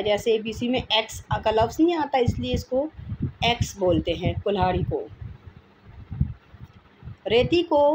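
A woman giving a vocabulary lesson, patiently repeating each word as she explains it. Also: fairly high pitch. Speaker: teacher. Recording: noisy home recording.

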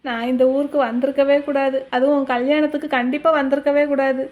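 A woman's voice: high-pitched, flat delivery, fast talker, phone-quality sound, natural voice. A woman voicing a sorrowful young village woman in a cartoon.

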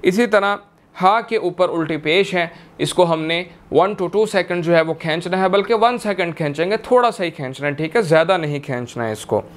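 A man teaching Quran tajweed in a recorded lesson, reciting verses slowly and drawn out, then explaining each letter and saying "theek hai" often. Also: sits high.

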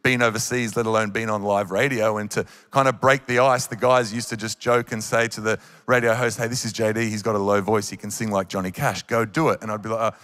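Speaking quickly with few pauses, this Australian-accented worship leader in his thirties delivers an earnest, encouraging sermon on stage in a big church auditorium. His voice sits on the low side, fairly bright, with little pitch variation. A handheld microphone picks him up amid live hall reverb.

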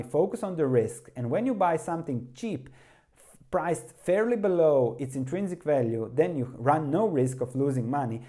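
Male investing host, earnest explainer, mellow dark voice, mid pitch. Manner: earnest, emphatic explainer with repeated words. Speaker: stock market analyst and channel host. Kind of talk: educational commentary reading from a shareholder letter.

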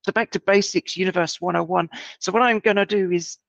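A woman giving an astrophotography presentation with her gruff early-morning voice, talking in a halting way with many ums and restarts. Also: lowish voice, steady tone, a bit bright, no echo. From United Kingdom. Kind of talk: online presentation talk.

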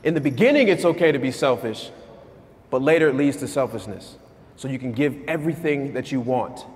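A man in his thirties giving an energetic motivational keynote on stage in a large conference hall, asking the crowd questions. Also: mid-range voice, a little fast. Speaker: keynote speaker. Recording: long hall reverb.

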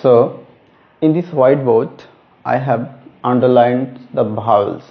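A man teaching a lesson on letter names, speaking slowly and stressing each letter. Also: mid-range voice, creaky. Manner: slow, deliberate, stresses each letter name. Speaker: English teacher. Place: room with a whiteboard. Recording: dull lo-fi recording.

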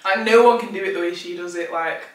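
A woman's voice: on the low side, quick pace. A young woman casually introducing the video and chatting while eating. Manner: playful, explaining. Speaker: co-host. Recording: echoey room, mic at a distance, faint noise.

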